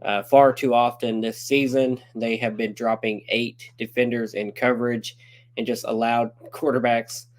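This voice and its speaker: A man co-hosting a sports podcast, talking in a steady, organized way as he leads the segments. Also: mid-range voice, unhurried. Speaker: podcast co-host. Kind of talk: casual sports talk.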